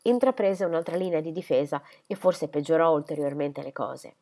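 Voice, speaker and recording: A woman reading a novel aloud in a measured, expressive narration. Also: low voice. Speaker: audiobook reader.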